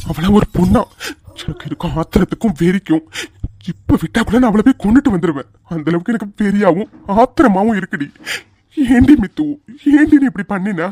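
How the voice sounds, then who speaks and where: A man voicing a hot-tempered, fiercely loving young hero in a cartoon, rough-spoken and quick to tears. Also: high voice, darkish tone. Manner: fiery, rough-spoken, breaks into sobs. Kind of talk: cartoon voice dubbing.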